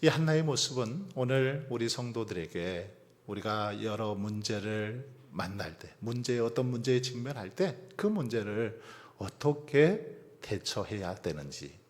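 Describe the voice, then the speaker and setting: A man's voice: mid-range voice, expressive, a little slow. A man preaching a sermon as pastor, asking the congregation rhetorical questions and letting phrases trail into near-whispers. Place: church sanctuary. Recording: long church hall reverb.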